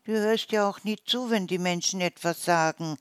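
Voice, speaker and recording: A storyteller voicing a small, clever forest mouse with a lively, mocking manner. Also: mid-range voice, normal speed, smooth, dry recording, studio quality, voice pushed up, natural voice.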